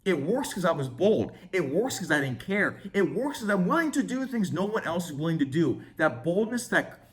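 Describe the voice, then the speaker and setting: A young man, a dating coach, telling a brash, profane story in an animated vlog style. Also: high voice, normal speed.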